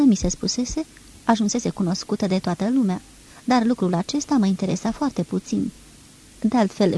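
A woman reads a literary novel aloud in a measured, expressive way. Her voice is mellow and breathy, with a soft, unhurried storytelling flow. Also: mid-range voice, poor audio. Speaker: reader. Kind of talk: literary audiobook reading.

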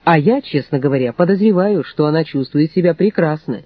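A man's voice: fairly high pitch, lively intonation, fairly quick, no room sound, dull audio. A man reading an audiobook, voicing a sarcastic, combative young woman. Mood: angry. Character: young woman, sharp and mocking.

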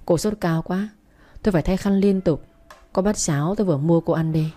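Woman voicing a gentle, hushed young master. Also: on the low side, brisk, natural voice. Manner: soft, hushed. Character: gentle young man, a caring master's son.

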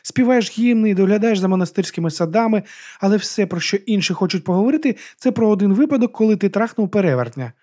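Guy doing a sly mocking woman, sing-songy, high. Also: lively intonation, quick pace, mellow. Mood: teasing.

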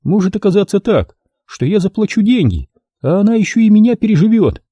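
A man's voice: high voice, big pitch swings, a little fast, mellow, slightly rough, no room sound, lo-fi sound, voice pushed up, full character voice. A man reading an audiobook voices a shrewd female client who is businesslike one moment and sweetly two-faced the next.

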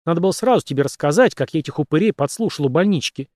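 A man's voice: fairly high pitch, animated, very fast, a little mellow, dry recording, clean studio sound, lightly acted. A man voicing a kind anxious young man. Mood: urgent. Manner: urgent, pleading, rough colloquial.

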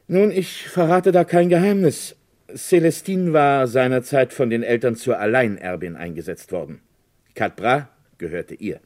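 In a German radio crime drama, a male actor plays a village lawyer, speaking formally and deliberately, hesitating and insinuating things discreetly. His voice is on the low side with a darkish tone.

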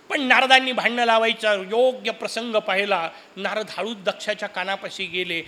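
A man giving a devotional discourse, telling a scripture story and asking the audience playful questions. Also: high-pitched. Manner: lively, asks the audience questions, playful asides. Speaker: Puranic discourse speaker.

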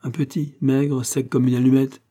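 A man's voice: medium pitch, little pitch movement, normal speed, warm tone, pitched above the performer's own voice, close to an everyday voice. A man voicing a talkative middle-aged village carpenter who gushes eagerly. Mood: enthusiastic.

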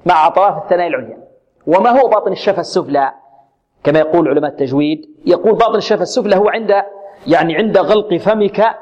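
A man teaching Quran recitation, modelling letters and syllables slowly and repeating them, and posing questions to his students. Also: on the high side. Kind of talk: tajweed lesson with recited examples. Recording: muffled lo-fi recording.

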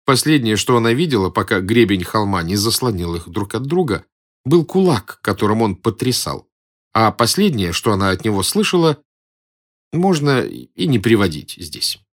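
A man reading a story aloud as its narrator, in an expressive, varied delivery. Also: fairly low pitch, moderate pace. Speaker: audiobook narrator. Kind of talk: scripted narration.

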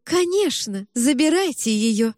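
A woman's voice: sits high, animated, measured pace, darkish tone, no room sound, clean studio sound, big-room sound, voice pushed up. A woman voicing a frantic, overeager mother with an exclamatory, giddy manner. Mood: overjoyed.

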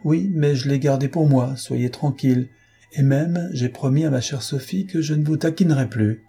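A man voicing a mischievous, teasing young girl in an audiobook, with a husky voice. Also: medium pitch, moderate pace, mellow, voice pushed up. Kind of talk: audiobook character reading.

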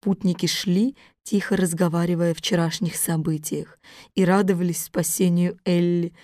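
A woman reads a children's story aloud in a measured, unhurried way, her voice on the lower side. The recording is close and dry. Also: fairly even intonation, mellow, no echo. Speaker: narrator. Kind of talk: scripted storybook narration.

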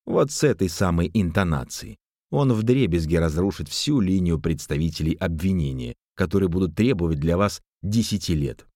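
A man voicing a calm young male detective who speaks with polite, dry irony. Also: low voice, moderate pace, no room sound. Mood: ironic.

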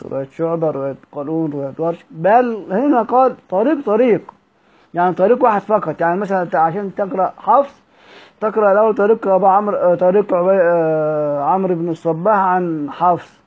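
A man with an Egyptian accent lectures on recitation in a high voice, reading from a classical text and then explaining it. He repeats himself and fills pauses with long "aah" sounds. The sound is thin and tinny, like a phone line. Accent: Egyptian Arabic. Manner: explanatory, repeats words, frequent "aah" fillers. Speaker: teacher of Quran recitation.

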